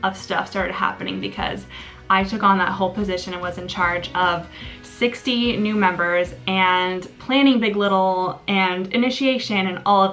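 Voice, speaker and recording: A woman's voice: medium pitch, pushed and bright. A young American woman telling a casual storytime vlog like a bubbly sorority girl, gushing and giggly, with lots of "like" in her talk. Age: young adult. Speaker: vlogger, sorority member.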